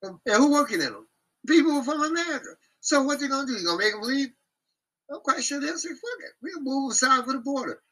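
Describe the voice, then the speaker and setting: A man hosting a casual group talk, speaking bluntly and profanely in an animated rant. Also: extremely high pitch, a little fast, rough recording.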